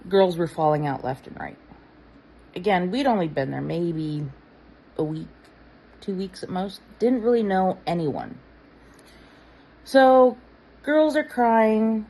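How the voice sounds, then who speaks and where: A woman's voice: lowish voice, mellow, low-quality recording. Chatty woman telling an old anecdote. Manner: chatty, with fillers and quick asides. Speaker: guest recalling her past. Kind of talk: casual anecdote.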